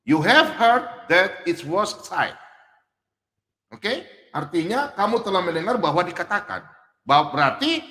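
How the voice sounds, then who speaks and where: A man giving casual online Bible teaching, joking and poking fun at himself, and reading verses slowly and drawn out. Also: fairly high pitch. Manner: animated, joking, self-mocking. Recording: echoey room with long reverb.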